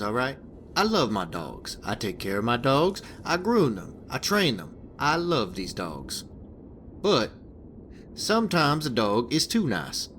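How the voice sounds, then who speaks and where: In this clip, a man voices a foul-talking boss from a post-apocalyptic game who hands out a hitman contract, stumbling and starting over as he rambles. His fairly bright voice runs a bit high for a male and rises and falls a lot. Low background noise can be heard.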